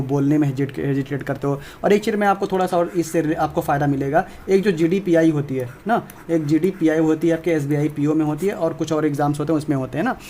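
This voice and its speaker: A man gives an informal exam prep lesson on video at a rapid pace. He is emphatic and repeats his points, speaking straight to his viewers. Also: fairly high pitch, a little mellow, a little hiss or hum.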